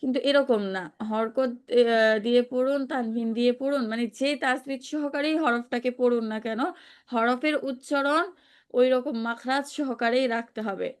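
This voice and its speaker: Woman teacher, slightly high voice, patient, repeats questions, online reading lesson. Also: fairly even intonation, normal speed, clean tone.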